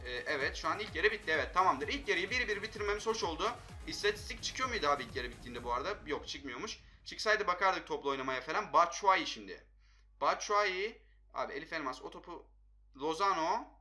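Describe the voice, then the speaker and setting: A young man commentating his own mobile football match, excitable and quick to vent frustration at his players. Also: on the high side, soft background music. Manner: excitable, frustrated outbursts at teammates. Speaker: gaming channel host.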